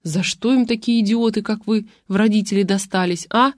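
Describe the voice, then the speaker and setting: A woman voicing a coarse old grandmother who scolds in a slow, booming bass. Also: dry recording, clean studio sound, close to an everyday voice. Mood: scornful.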